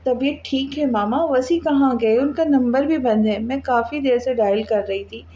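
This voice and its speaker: A woman's voice: high voice, normal speed, dark tone, echoey room, dull audio, slight background noise, lightly acted. A woman voicing an anxious young woman in a read-aloud novel, asking worried questions.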